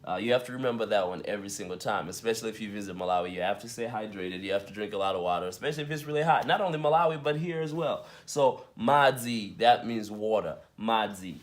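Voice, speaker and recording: Man teaching words slowly, spelling them out. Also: on the low side. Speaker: language teacher. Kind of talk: casual language lesson.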